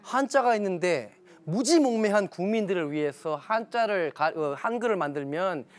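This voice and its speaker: Man, lecture to an audience, animated storytelling, acts out dialogue, high voice, lively swings in pitch. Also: normal speed. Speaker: lecturer on parenting. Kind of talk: televised lecture.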